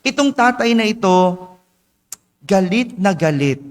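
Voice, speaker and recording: A male priest giving a homily at morning mass, chatty and teasing the congregation with quick asides. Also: high-pitched, lively intonation. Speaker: parish priest. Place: church. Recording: long church reverb.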